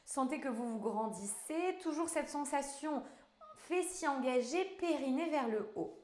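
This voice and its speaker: Echoey French-speaking pilates coach, high voice. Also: female voice, animated, measured pace, darkish tone. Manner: counting out reps, giving short commands. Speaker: pilates instructor. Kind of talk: guided fitness class instruction. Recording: echoey room, voice from afar.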